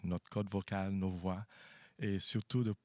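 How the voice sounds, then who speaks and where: A male bass singer of Haitian and Venezuelan origin, speaking softly with many fillers. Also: flat delivery, unhurried, dry recording.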